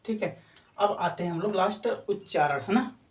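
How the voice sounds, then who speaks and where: A man's voice: high-pitched, moderate pace. A male teacher giving an exam-prep lecture. He explains things patiently, repeats each example several times and keeps checking in with his listeners. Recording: echoey room from far off, faint noise.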